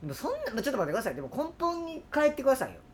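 A woman with a Kansai accent co-hosting a casual podcast chat, playfully confident and quick to laugh. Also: fairly high pitch, huge pitch swings, a little hiss or hum.

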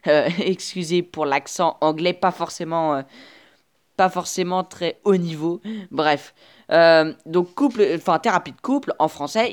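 A woman hosts a casual solo podcast, speaking directly to her listener with chatty encouragement. Her talk stops and restarts, full of filler sounds. She records on a simple earphone microphone. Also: medium pitch. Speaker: podcast host. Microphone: earphone headset mic.

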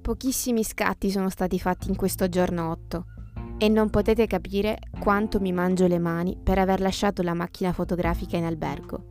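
A woman's voice: lowish voice, steady tone, a little fast. Woman narrating a travel story over guitar. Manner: reflective, descriptive storytelling. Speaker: podcast host. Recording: music behind the voice. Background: guitar music.

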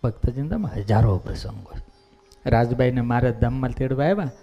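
A male monk giving a devotional storytelling sermon, lively and folksy, acting out the characters' voices. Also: medium pitch, fairly quick, vocal fry, faint music behind. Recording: dull lo-fi recording.

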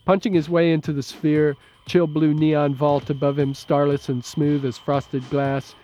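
A man narrating an audiobook in a measured, steady, low-key way. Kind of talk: scripted narration.

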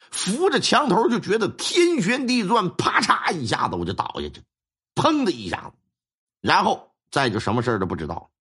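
A man telling a ghost story in an animated, colloquial way full of sound-effect words. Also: sits high, slightly rough. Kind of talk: spoken ghost story narration.

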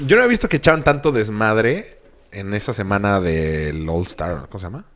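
A man's voice: fairly low pitch, animated, moderate pace, a bit bright. A young man with a Mexican accent chatting casually with friends, loose and slangy, teasing. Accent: Mexican Spanish. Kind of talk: casual chat among friends.

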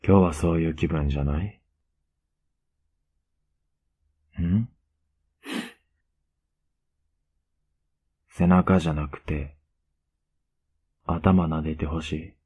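Very deep, husky younger boyfriend, ASMR role-play, acted by a man, lilt. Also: steady tone, moderate pace. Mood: coaxing, doting. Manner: soft, intimate, coaxing murmur. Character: tender, teasing, clingy younger boyfriend cuddling in bed.

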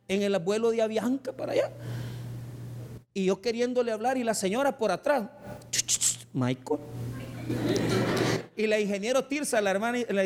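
A man's voice: sits high, darkish tone. A male pastor, preaching a Sunday sermon in a conversational way, with humor and rhetorical questions. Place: church service.

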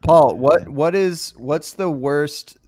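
A man hosting a casual podcast over a remote call, excitable and full of stammering restarts. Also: a little high, takes it slowly, no room sound. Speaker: podcast host.

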